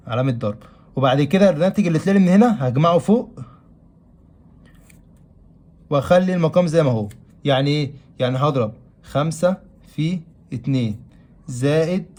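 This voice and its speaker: Rapid-talking Egyptian math teacher, man. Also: on the high side, a little mellow. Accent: Egyptian Arabic. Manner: asks questions aloud and answers them himself. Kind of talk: classroom-style math lesson.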